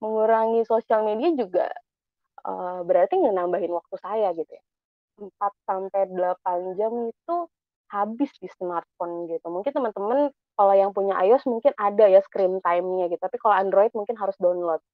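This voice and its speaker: Young woman, casual guest chat, animated storytelling, dry tinny video-call audio. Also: medium pitch, brisk, no room sound. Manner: chatty, animated, acts out quoted thoughts. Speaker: guest speaker. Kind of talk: casual personal talk.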